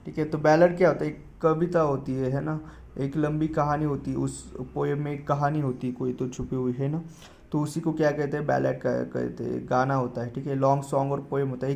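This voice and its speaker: Indian man teaching vocabulary, higher voice. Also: gravelly, darkish tone. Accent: Indian English. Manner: spells words letter by letter and reads English definitions slowly; repeats terms with frequent checks like "ठीक है". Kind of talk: spoken lesson explaining vocabulary.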